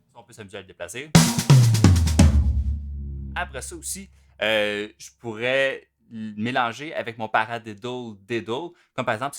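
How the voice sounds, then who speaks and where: A man, explaining drum rudiments in a relaxed, casual way with many fillers. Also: medium pitch. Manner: relaxed, talks through patterns with many fillers. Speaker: drum teacher.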